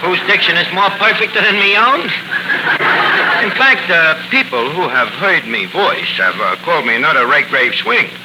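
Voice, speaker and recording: Fairly high-pitched and very animated at a moderate pace, the lead of a 1940s radio comedy plays a self-important New York tavern manager who bungles his words and cracks wise. The old broadcast recording is noisy.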